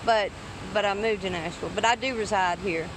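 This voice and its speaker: Casting: woman, country Southern drawl, folksy, emphatic street conversation, clear traffic noise behind. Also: medium pitch, fairly quick. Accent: rural Southern US drawl. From Tennessee, southern United States. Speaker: independent journalist filming police encounters. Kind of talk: casual conversation.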